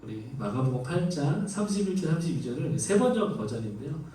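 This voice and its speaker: Pastor preaching, animated, mellow tone, recorded from afar in an echoey hall. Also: male voice, on the high side, brisk, slight background noise. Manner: animated, acts out quoted lines in raised voice. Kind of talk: expository sermon. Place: church sanctuary. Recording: echoey church hall from far off.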